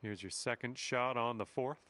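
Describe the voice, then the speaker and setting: A man with a bright, clear voice calling a round of golf shot by shot. He keeps it relaxed and low-key, with a mid-range pitch and easy casual commentary. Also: normal speed.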